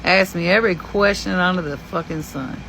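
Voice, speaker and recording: A woman in her forties from Kentucky telling a story in a blunt, profane and animated way. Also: fairly low pitch, normal speed, a little hiss or hum, rough recording. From Kentucky, USA. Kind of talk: casual storytelling.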